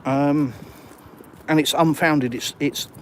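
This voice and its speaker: A man's voice: fairly high pitch, steady tone, slow. A middle-aged Englishman with an English accent, live-streaming as he walks through a city at night, chatting and answering viewer comments. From England. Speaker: vlogger. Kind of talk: live walk-and-talk stream. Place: city streets at night, outdoors. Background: faint traffic noise.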